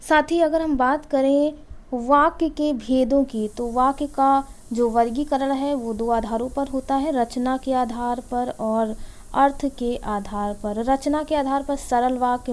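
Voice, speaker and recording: A woman with a high voice teaches an exam-prep lesson. She announces each question number and then explains the answer in a steady, instructive way. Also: measured pace.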